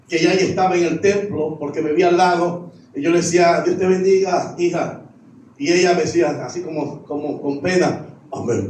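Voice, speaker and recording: A man's voice: high voice, a little mellow, slight background noise. A middle-aged man, a pastor, preaching a sermon with repeated refrains. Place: church sanctuary. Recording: echoey church, voice from far off.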